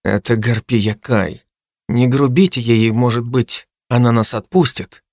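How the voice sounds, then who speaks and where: A man reading an audiobook voices a guarded male fighter who speaks low, tersely and in measured words. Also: fairly even intonation, no room sound, studio quality, natural voice. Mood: hushed warning. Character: calm, guarded male fighter, steady leader.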